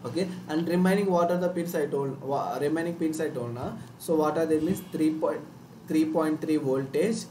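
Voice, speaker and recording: A man's voice: a little high, normal speed, mellow. A man with a Telugu Indian accent, a native Telugu speaker, explaining like a live online tutor in a repetitive way. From Telugu-speaking South India. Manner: repetitive, checks understanding with tag words. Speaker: online workshop instructor. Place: indoor room, live screen-share stream. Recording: roomy, distant mic, faint noise.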